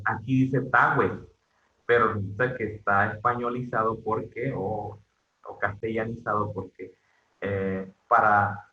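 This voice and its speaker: Hesitant lecturer, low voice, echoey room. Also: male voice. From northwestern Mexico. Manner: hesitant, many fillers and restarts, checks in with students. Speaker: university lecturer. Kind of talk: online class lecture. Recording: dull echoey lo-fi room sound.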